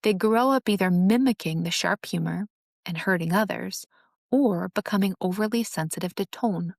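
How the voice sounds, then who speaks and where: A woman's voice: mid-range voice, dry recording, studio quality. A woman hosting a show, giving an earnest, instructive talk on relationships. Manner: earnest, instructive, acts out sarcastic examples. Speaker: host. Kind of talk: teaching monologue on relationships.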